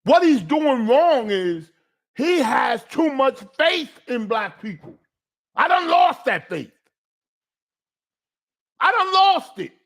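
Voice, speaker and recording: A man's voice: very high voice, very animated, slow pace, long pauses, fairly bright tone. A man hosting a call-in show, talking in an emphatic, fired-up rant with frequent restarts. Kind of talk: casual chat.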